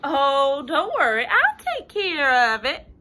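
A woman voicing an excitable, pleading, stubborn storybook pigeon, exclaiming and wheedling with emphasis. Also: high voice, takes it slowly, pitched above the performer's own voice, full character voice. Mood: eager, pleading. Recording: home recording with light room noise.

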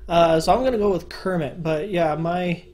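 A young male YouTuber talks casually to a webcam from his room at home, rambling with fillers and restarts in solo commentary. His voice is high enough that phone callers often take him for a woman. He speaks at normal speed with a darkish tone.

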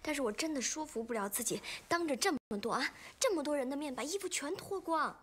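Defiant young newcomer, high voice. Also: female voice, lively intonation, fast, fairly bright tone. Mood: stubborn. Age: young adult. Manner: stubborn, defiant. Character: young newcomer actress refusing a scene. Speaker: newcomer actress. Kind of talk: film drama acting.

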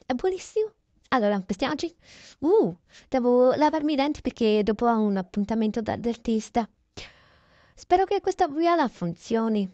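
For a toy-game roleplay video, a woman narrates an improvised version of her day, chatty and correcting herself as she goes. Her mellow voice sits on the high side with big pitch swings at a moderate pace, recorded without echo and with the highs cut off.

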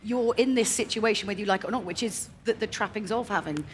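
A woman's voice: mid-range voice, fast talker, slight background noise. A woman moderating a live stage panel, chatty with many fillers, on a headset mic. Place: large indoor event stage.

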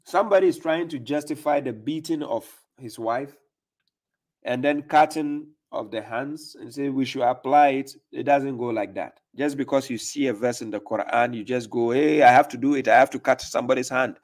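A man's voice: mid-range voice, moderate pace, darkish tone. Male stream host, pushy questioner, plain mid-range voice, home desk setup. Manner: pressing, questioning, repeats himself. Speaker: livestream host. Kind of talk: live call-in debate. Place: small room indoors.

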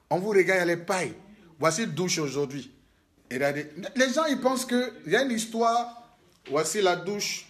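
A man talks into a handheld phone in a hotel room. His voice sits notably high for a man. He tells his stories in a lively, exclaiming way, breaking into laughter. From Côte d'Ivoire. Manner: animated storytelling, laughing and exclaiming. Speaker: prophet and spiritual guide. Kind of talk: casual video diary.

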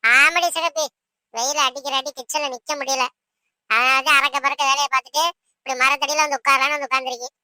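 A tough village woman boasts in this cartoon. Her voice is bright and fast and is recorded dry and close. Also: sits high, fairly even intonation, no room sound. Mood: gloating. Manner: boastful, gloating.

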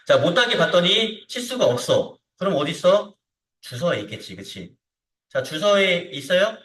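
A male CAD instructor guides a practical software lesson at normal speed, his slightly high voice lively with rises and drops. Informal in manner, he keeps checking understanding through short tag questions, recorded from a distance in an echoing room.

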